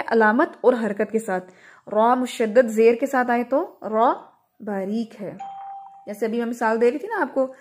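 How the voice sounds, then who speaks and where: A woman teaching a Tajweed lesson. She asks questions and answers them herself, and she slowly stretches out Arabic words to show how they are pronounced. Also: fairly high pitch. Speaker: Quran recitation teacher.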